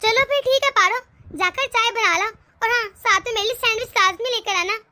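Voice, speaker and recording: A woman's voice: very high voice, a little fast, bright, forceful tone, full character voice. A woman voicing a scheming, bossy sister-in-law in a cartoon, taunting and sly. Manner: taunting, sly, self-pitying. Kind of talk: cartoon voice acting.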